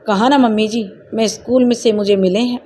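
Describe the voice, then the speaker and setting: A woman's voice: on the high side, steady tone, a little fast, mellow, lightly acted. A tearful, abused young wife in a spoken storybook, voiced by a woman a bit above her narration. She pleads with rising distress, and a faint hiss of ambience sits under the voice. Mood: tearful pleading.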